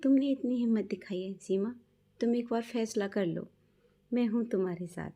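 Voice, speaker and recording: A gentle, supportive helper, read by the narrator, offers comfort and promises to stand by someone. The voice is soft, low-toned and mellow. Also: female voice, moderate pace. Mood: reassuring.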